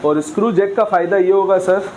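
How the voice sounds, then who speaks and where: A man teaching a physics class, reading English lines slowly and explaining with frequent questions to students. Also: high voice, a little mellow, slight background noise, poor audio. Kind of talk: classroom lecture.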